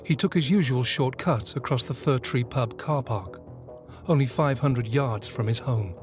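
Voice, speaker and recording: A man giving scripted documentary narration, measured and grave. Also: mid-range voice, darkish tone. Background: music score.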